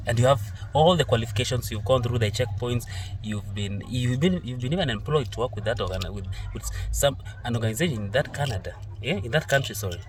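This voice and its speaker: A man's voice: mid-range voice, recorded from a distance, noisy background. A man hosting a reaction video, rambling and correcting himself as he comments. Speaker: host.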